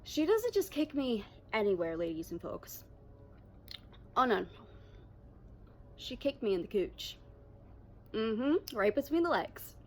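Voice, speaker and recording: A young adult woman telling a story-time vlog, blunt and animated with heavy swearing. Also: fairly high pitch, a little hiss or hum. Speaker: vlogger.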